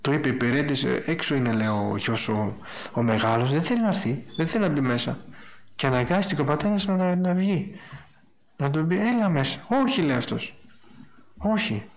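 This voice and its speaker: Animated man preaching a sermon. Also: mid-range voice. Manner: animated storytelling, acting out dialogue in a raised voice.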